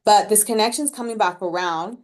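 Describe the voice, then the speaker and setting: A tarot reader with a mid-range voice speaks a bit quickly as she does a casual collective reading for viewers. She keeps it slangy and talkative, sprinkling in plenty of "like" and laughing at her own remarks.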